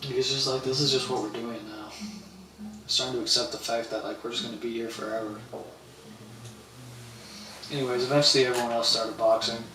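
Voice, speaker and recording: A man's voice: medium pitch, fairly even intonation, a little fast, pauses often, distant mic. A young man streaming, telling a rambling, slangy story in casual chat and quoting people in voices. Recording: roomy, off-mic with faint ambience.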